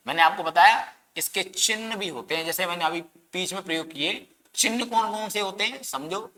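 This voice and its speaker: Posing questions to his exam-prep grammar students and answering them himself, a man draws out words with dramatic emphasis. He has a high, bright voice with a forceful tone, and the recording features long echoing reverb.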